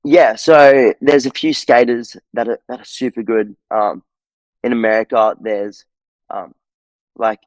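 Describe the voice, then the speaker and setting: A man's voice: medium pitch, steady tone, a little slow, a little mellow, no echo, rough recording. A young Australian man chatting casually as a podcast guest, laid-back and full of "like" and "um". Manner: laid-back, lots of filler "like" and "um". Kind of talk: casual interview chat.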